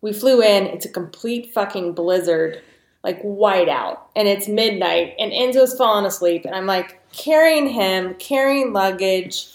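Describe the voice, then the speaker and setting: A woman's voice: mid-range voice, unhurried. A woman telling a story as a guest in casual chat, acting out quoted voices with lots of laughter. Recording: roomy echo.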